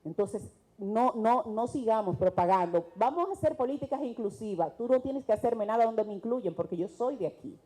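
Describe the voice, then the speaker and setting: A woman's voice: a little high, expressive, normal speed, mellow, poor audio. A Dominican woman with a Dominican Spanish accent, speaking earnestly and emphatically as a mental health specialist on a TV panel. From Dominican Republic. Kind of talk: TV panel discussion.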